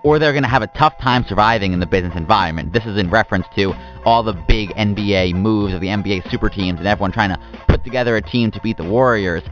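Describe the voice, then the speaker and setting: Opinionated low-voiced man on sports talk. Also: fast. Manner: opinionated, emphatic. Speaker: sports show co-host. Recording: dull lo-fi recording with faint music.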